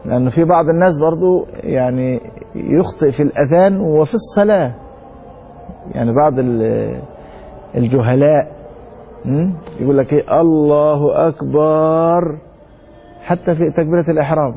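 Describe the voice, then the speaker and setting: Egyptian sheikh teaching in a mellow voice. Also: male voice, fairly high pitch, soft background music. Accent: Egyptian Arabic. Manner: explains and asks students rhetorical questions; reads a text slowly, then comments quickly. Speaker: sheikh teaching Maliki law. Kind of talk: religious lesson.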